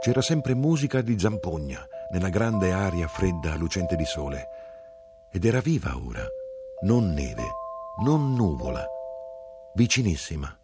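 A man giving an expressive, theatrical reading of a literary audiobook. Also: deep voice, unhurried, loud music behind the voice. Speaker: audiobook reader.

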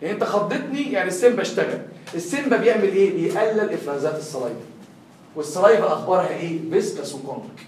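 Heard from far away in a reverberant classroom, a young tutor with an Egyptian accent quizzes students nonstop during his lecture. His voice is high, expressive and racing, with a darkish tone, and the audio has a little hiss or hum.

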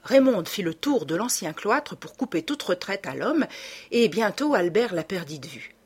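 A woman reading a novel aloud as scripted narration, with dramatic, lively storytelling. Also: medium pitch, normal speed, slightly rough. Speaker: audiobook reader.

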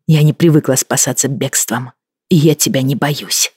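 A woman's voice: rumbling low, moderate pace, darkish tone, slightly rough, no room sound, clean studio sound, heavily acted. An audiobook reader voicing a defiant young woman and former nurse, heated and indignant.

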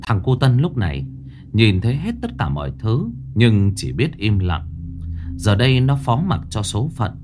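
A man narrating a ghost story, with a pitch that rises and falls in a lively way. He tells it expressively, leaning into the tension. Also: moderate pace, over music.

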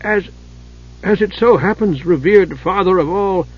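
A man's voice: high voice, unhurried, husky, lo-fi sound, voice pushed up. A man voicing a rotund male dwarf god, a smith, who talks in an anxious, stammering way.

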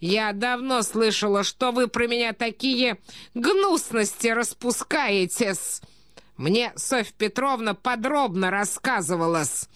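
A woman voicing a touchy, quarrelsome provincial lady who talks in a sharp, indignant way, clipping her words with a polite "-с" ending. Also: a little high, expressive, slow pace, clear, resonant tone, dry recording, studio quality, pitched above the performer's own voice.

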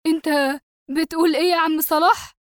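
A woman reads a young Egyptian man's lines in a raised, emotional voice, pitched high and sounding close and dry. Her delivery is quick and loud. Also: little pitch movement, no room sound. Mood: shocked, angry. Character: grieving young man, then stunned and furious. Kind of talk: audiobook character reading.

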